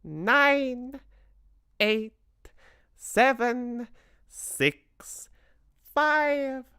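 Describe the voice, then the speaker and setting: A woman voicing a shrieking, imperious old witch leader in a storybook reading, with a shrill, hissing, theatrical delivery. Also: fairly bright tone, clean tone, dry recording, clean studio sound, exaggerated voice. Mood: gloating countdown.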